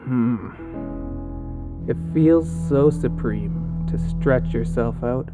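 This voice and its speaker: A man guides a relaxation session at a very slow pace, with a calm and soothing delivery. He leaves long pauses between phrases, in a medium-pitched voice. Calming plucked guitar plays clearly behind him. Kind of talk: guided meditation narration. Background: calming guitar music.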